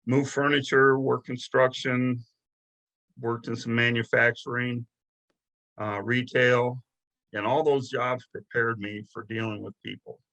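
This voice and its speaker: Man, middle-aged, bright forceful voice, rambling casual interview talk. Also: medium pitch, level tone, unhurried, poor audio. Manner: rambling storyteller, restarts often. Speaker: guest, deputy sheriff and investigator.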